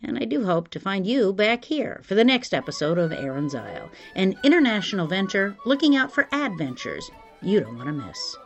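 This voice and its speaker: A woman's voice: medium pitch, wildly swooping pitch, normal speed, dull audio. A woman podcast host telling her own story in a scripted but conversational narration. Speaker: podcast host, former television reporter. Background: music bed.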